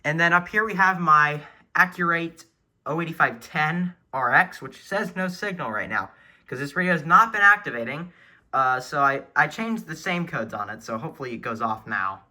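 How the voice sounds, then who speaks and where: With a fairly high pitch, lively intonation and a sharp tone, the man speaks at a moderate pace. He's an enthusiastic collector casually presenting his weather radios in a room at home, narrating off screen while filming handheld. Faint noise and the click of buttons come through.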